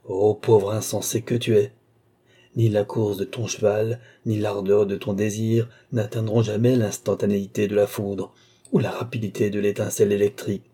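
A man's voice: lowish voice, level tone, normal speed, warm tone, breathy edge. A man voicing a feverish, obsessive male sorcerer who speaks in intense, willful incantations. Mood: desperate.

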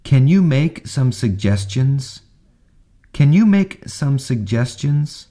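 A man reading example sentences and words aloud for a radio lesson, with careful, deliberate pronunciation. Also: medium pitch, very animated, dark tone. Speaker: model reader for lesson.

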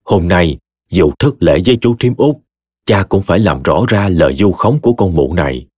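A man voicing a stern, indignant elderly father who speaks gravely and firmly. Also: low voice, lively intonation, normal speed, darkish tone, no echo, studio quality. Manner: grave, firm.

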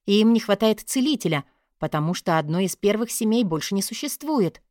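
A woman reading first-person fantasy narration in an even, measured way. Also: medium pitch, no echo, clean studio sound. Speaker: audiobook narrator.

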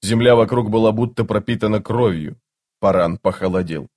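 A man reading a fantasy novel aloud in an even, measured narration. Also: on the low side. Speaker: audiobook narrator. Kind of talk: scripted narration.

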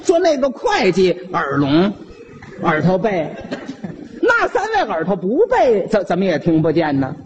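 Man, Beijing accent, comic storytelling, high-pitched, very animated. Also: a little slow, noisy background. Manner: animated, playful narration.

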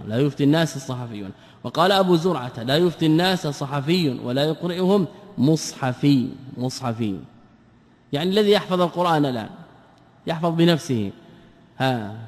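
Male lecturer, fairly high voice, long hall reverb, asks rhetorical questions and repeats key points. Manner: explains word forms and grammar step by step. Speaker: religious scholar teaching a class. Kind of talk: classroom lecture on texts.

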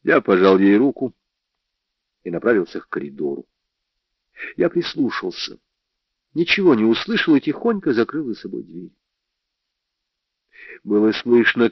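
A man reading a first-person crime novel as an audiobook narrator, in a measured, tense and often hushed way. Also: lowish voice, sing-song, no echo, muffled recording.

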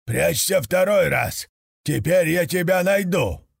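A man putting on a gravelly, bellowing khan. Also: sits high, animated, no room sound, studio quality, pitched above the performer's own voice, heavily acted. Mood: shouting. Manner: slow, bellowing commands. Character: domineering, greedy male khan.

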